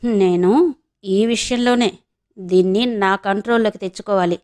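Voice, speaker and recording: A woman voicing a scheming elderly mother who talks in a slow, knowing, insinuating way in an audio novel. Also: medium pitch, darkish tone, clean tone, close to an everyday voice. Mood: sly. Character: scheming elderly village mother, sly and blunt.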